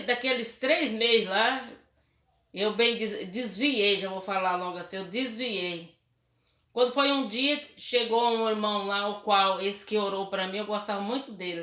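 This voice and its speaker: A woman's voice: a little high, pushed and bright, reverberant. A middle-aged woman giving a personal church testimony, telling it with feeling, many restarts and tag questions.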